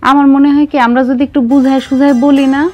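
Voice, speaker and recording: A woman's voice: high-pitched, level tone, quick pace, darkish tone, soft background music, lightly acted. An actress playing a caring eldest daughter in her young adult years, earnest and concerned about her father. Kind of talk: TV drama acting.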